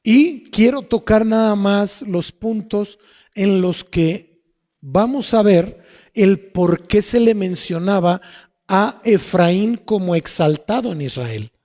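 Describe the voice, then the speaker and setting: A male pastor preaching a sermon slowly and emphatically, asking rhetorical questions and answering them. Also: high-pitched, warm tone. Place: church hall. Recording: long hall reverb.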